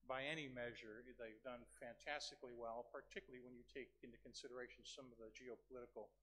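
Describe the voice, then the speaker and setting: A man's voice: medium pitch, fairly even intonation, fast, sharp tone, breathy edge, poor audio. A man giving a podium speech as a conference presenter, formal in structure with informal, self-deprecating asides. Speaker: conference speaker. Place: large conference venue, speaking from a podium.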